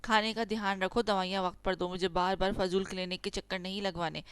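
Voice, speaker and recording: Woman reading as a harsh strict father, curt, clear voice, close dry recording. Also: medium pitch, flat delivery, a bit bright, no room sound, natural voice.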